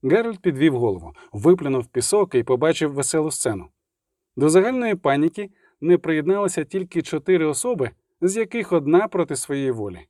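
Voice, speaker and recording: A man reading an audiobook in steady, expressive scripted narration. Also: fairly high pitch, brisk, dry recording, studio quality.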